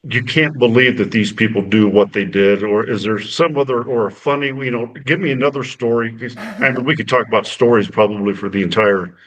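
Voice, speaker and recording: A man's voice: lowish voice, brisk, few pauses, fairly bright tone, poor audio. A man hosting a podcast, asking casual, rambling questions of his guest. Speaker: podcast host.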